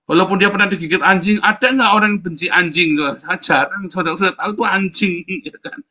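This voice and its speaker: A man's voice: sits high, quick pace, bright, forceful tone. A man giving combative, mocking commentary in a preachy style, often turning to his listeners with a tag question. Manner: mocking, combative, keeps saying "saudara".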